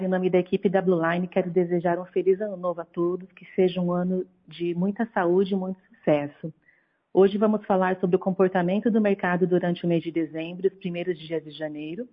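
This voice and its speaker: A woman's voice: lowish voice, flat delivery, brisk, breathy edge. A Brazilian woman opening a corporate conference call with a formal business presentation. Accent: Brazilian Portuguese. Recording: narrow, tinny phone line.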